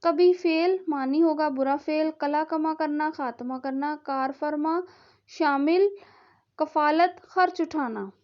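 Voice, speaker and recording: A woman's voice: sits high, slow pace. A woman from Pakistan teaching an online Urdu class, reading vocabulary word by word with careful pronunciation. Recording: dull lo-fi recording.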